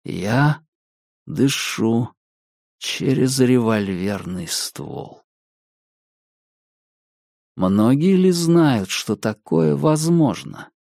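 A man narrating a gothic story in a measured, somber, dramatic reading. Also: mid-range voice, lively intonation, vocal fry, a little mellow, no echo, studio quality. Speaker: audiobook narrator. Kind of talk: scripted narration.

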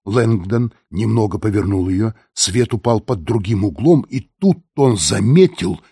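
Deep husky guy reading an audiobook, steady, dry close sound. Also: no room sound. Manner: measured, steady storytelling. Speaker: audiobook narrator. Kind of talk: scripted narration of a novel.

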